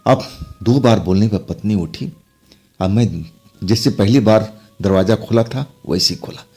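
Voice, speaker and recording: A man's voice: fairly low pitch, measured pace, warm tone, breathy edge. A man telling a first-person horror story in a dramatic, suspenseful way. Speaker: narrator. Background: faint music.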